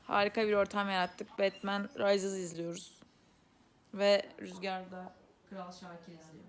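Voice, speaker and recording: A woman's voice: mid-range voice, flat delivery, unhurried. A young woman vlogging casually at home with her cousins, laughing often and teasing. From Turkey. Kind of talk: casual vlog chat.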